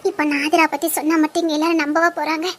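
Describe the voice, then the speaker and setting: Woman voicing a tearful young woman on the run, very high voice. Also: level tone, rapid-fire, natural voice. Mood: anxious. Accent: Tirunelveli Tamil. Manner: anxious, pleading, often near tears. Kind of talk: audio drama acting.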